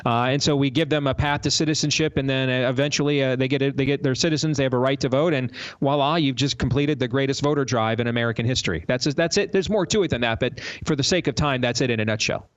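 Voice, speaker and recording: A man moderating a political panel discussion, deliberate and explanatory, on dull lo-fi audio. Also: mid-range voice. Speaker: panel show host and moderator.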